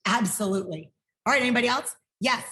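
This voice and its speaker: A woman's voice: on the high side, fast talker, pushed and bright. A woman martial arts instructor teaching a kids' life-skills workshop over a video call, upbeat and encouraging as she asks the class questions.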